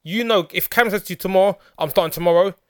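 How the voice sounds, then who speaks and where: A man's voice: sits high, quick pace, clear, resonant tone, dry recording, studio quality. A young man with a London roadman accent in casual podcast chat, blunt and slangy with plenty of swearing. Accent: London roadman, multicultural urban slang. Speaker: podcast co-host.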